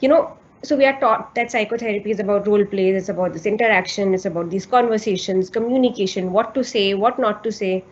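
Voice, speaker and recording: A woman's voice: medium pitch, fast, few pauses, slight background noise. A woman psychotherapist giving a lecture to trainees, explaining patiently and checking in with her listeners. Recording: slightly dull lo-fi recording.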